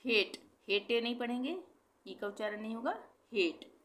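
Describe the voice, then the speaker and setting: A woman's voice: fairly high pitch, expressive, a bit bright. Hindi-speaking woman teaching pronunciation. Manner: spells words letter by letter, repeats them slowly, corrects her own slips. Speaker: English teacher. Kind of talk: classroom-style lesson explaining pronunciation.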